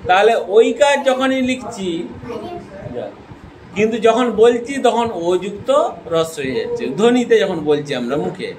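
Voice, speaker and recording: A man's voice: high-pitched, darkish tone, a little hiss or hum, poor audio. A man teaching a grammar lesson, explaining step by step and often asking checking questions.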